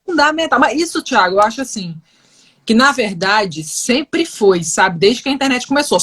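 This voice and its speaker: Fast-talking woman co-host. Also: high-pitched. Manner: animated, acts out quoted dialogue. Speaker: live show co-host. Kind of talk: casual live-stream chat.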